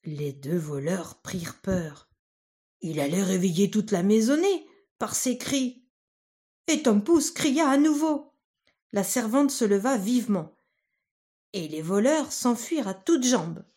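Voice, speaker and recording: Storyteller, woman, unhurried and husky, reading a children's tale. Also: mid-range voice. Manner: slow, calm, measured storytelling. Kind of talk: fairy tale read aloud.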